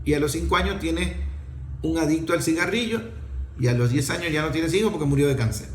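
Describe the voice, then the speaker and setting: Speaking a little fast in a slightly high voice, a middle-aged Venezuelan-accented man scolds emphatically in a passionate opinion talk, piling on rhetorical questions. The recording has a roomy sound.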